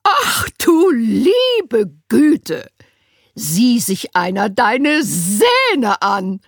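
A woman voicing a loud, fussy female social worker who exclaims in shrill, drawn-out bursts. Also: sing-song, dry recording, studio quality, exaggerated voice. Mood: gushing.

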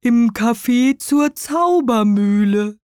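A woman's voice: a little high, animated, takes it slowly, darkish tone, clean tone, dry recording, studio quality. A woman doing a blubbing fat carp. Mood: gossipy. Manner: blubbing between phrases. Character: fat male carp who blubs between sentences. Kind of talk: children's audio story.

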